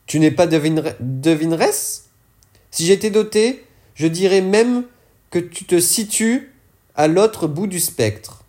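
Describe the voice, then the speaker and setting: A man's voice: sits high, animated, slow pace, darkish tone, pitched above the performer's own voice. A man voicing a wily old male dealer who asks probing, insinuating questions. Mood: sly.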